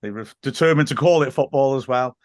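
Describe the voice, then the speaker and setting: A man chatting casually as an interviewer and football fan, earnest and a little halting in how he puts things. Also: mid-range voice, dry recording, clean studio sound. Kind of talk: casual conversation.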